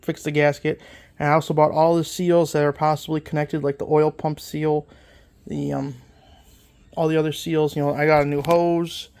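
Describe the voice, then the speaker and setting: This is a repair channel host working on a mower engine in a workshop, still congested from a cold that won't quit. The mid-range voice barely moves in pitch, keeps a moderate pace, and sounds darkish and clean. The walkthrough is casual and hands-on, full of rambling, self-corrections, and fillers.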